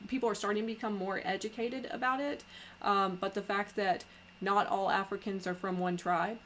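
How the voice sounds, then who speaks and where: A woman hosting a podcast in casual conversation, talking haltingly with many pauses and restarts. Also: medium pitch, fairly even intonation, a bit bright, slight background noise. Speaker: podcast host.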